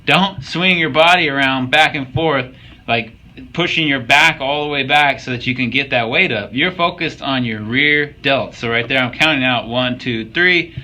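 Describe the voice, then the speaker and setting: A man's voice: medium pitch, normal speed, pushed and bright, rough recording. A young man casually commenting on workout footage, joking and swearing as he coaches viewers. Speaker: fitness vlogger.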